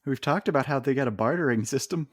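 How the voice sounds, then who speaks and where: A man's voice: mid-range voice, fast talker, slightly rough, no room sound, studio quality. A man co-hosting a podcast in casual chat, picking apart points and laughing between them. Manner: chatty, laughs between points while arguing. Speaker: podcast co-host.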